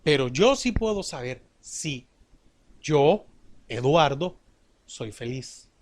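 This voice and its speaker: A middle-aged man delivers a sermon at a slow, measured pace. His voice sits slightly high for a man. He leans on rhetorical questions to draw the congregation in. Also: expressive. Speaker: preacher.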